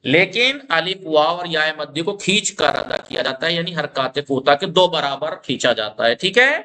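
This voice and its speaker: A man's voice: fairly high pitch, expressive, pushed and bright. A man teaching a classroom lesson on Quran recitation. He explains patiently, demonstrates the vowel sounds aloud, and checks often that his students follow.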